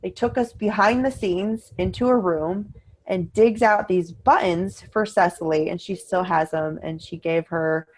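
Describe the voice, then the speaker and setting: A middle-aged woman chats casually as a podcast co-host, her speaking voice sitting a little low. She tells her story with energy and jumps up into a higher voice whenever she quotes someone. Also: unhurried, slight background noise. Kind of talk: casual chat.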